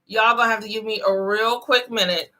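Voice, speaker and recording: A woman's voice: on the high side, fairly even intonation, a little fast, bright, forceful tone. A woman giving a casual live tarot reading, chatty and giggly, calling her viewers "honey loves.". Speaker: tarot reader.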